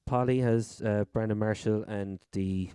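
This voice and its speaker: A man's voice: lowish voice, steady tone, unhurried, dark tone, smooth, no echo, studio quality. A man with a Cork Irish accent hosting a casual chat about sport. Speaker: fantasy football podcast host.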